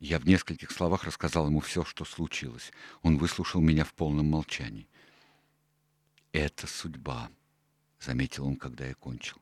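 A man narrating a classic adventure novel in the first person, in a measured, even storytelling manner. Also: rumbling low, no echo. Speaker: audiobook narrator.

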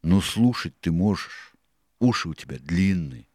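A man voicing a cunning, domineering older pirate cook in an audiobook, lecturing loudly and scornfully. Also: low voice, lively intonation, unhurried, dry recording, studio quality. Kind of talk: audiobook character reading.

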